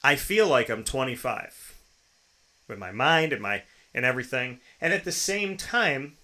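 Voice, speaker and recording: An American show host in his thirties delivers a motivational personal monologue in a medium-pitched voice with vocal fry and a bright, forceful tone. He speaks emphatically, repeating phrases and posing rhetorical questions.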